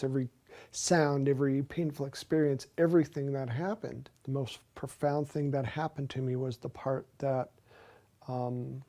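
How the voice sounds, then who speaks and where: A man's voice: mid-range voice, dark tone. A man earnestly recounting a personal experience as an interviewee, with emphatic storytelling.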